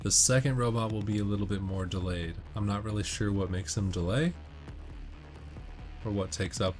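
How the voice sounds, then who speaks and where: Talking at normal speed with a steady tone and fairly low pitch, a man delivers casual, explanatory game commentary, going through tips step by step. Game music and gunfire fill the background.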